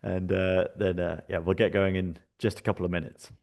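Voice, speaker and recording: This UK man's voice is low and gravelly, and he talks briskly with a British accent. He presents a live software workshop in a laid-back, chatty style marked by many fillers and restarts.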